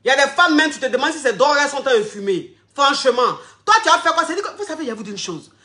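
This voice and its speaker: A woman's voice: high-pitched, expressive, racing, sharp tone, echoey room. A woman gives relationship advice on a live stream. She repeats her phrases and calls her viewers darling and family.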